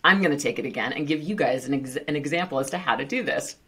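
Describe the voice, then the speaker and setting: Very low-voiced bubbly woman host. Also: lively intonation, fast, a bit bright, slightly rough. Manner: bubbly, jokey, laughs at her own slips. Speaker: podcast host. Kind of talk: casual interview chat.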